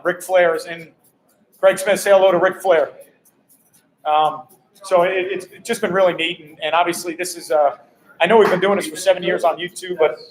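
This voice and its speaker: A man, a high school football coach, hosting a casual live-stream walkaround, upbeat and greeting viewers and passersby. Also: low-quality recording. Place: hotel during a coaching clinic.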